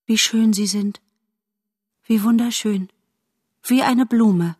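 A woman's voice: fairly high pitch, fairly even intonation, slow pace, a little mellow, slightly rough, dry recording, clean studio sound, voice pushed up. A woman voicing a young, polite male fawn in a storybook, eager and modest. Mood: admiring.

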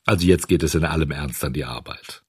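A man's voice: a bass voice, a little fast, slightly rough, no room sound, studio quality, voice pushed down, full character voice. A man voicing a timid old male carpenter with bristly hair in a storybook reading, covering his fear with bluster. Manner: nervous bluster.

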